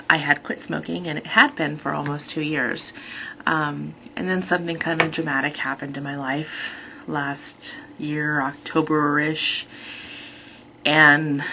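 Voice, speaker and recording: A woman's voice: low voice, vocal fry, bright, forceful tone, a little hiss or hum. A woman in her thirties talking casually in a rambling, chatty personal vlog, often correcting herself. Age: 30s. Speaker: vlogger.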